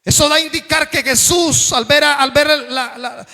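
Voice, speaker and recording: A man preaching a fervent sermon, often calling his listeners brother and raising his voice near to a shout at times. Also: very high-pitched, moderate pace, vocal fry. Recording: long reverb of a hall.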